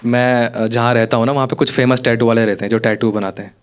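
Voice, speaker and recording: A man's voice: mid-range voice, fairly even intonation, fast talker. A young man performing a stand-up comedy set on stage, telling stories in a conversational way and acting out the dialogue. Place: comedy theatre stage with live audience. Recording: live venue with loud audience noise. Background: audience laughter.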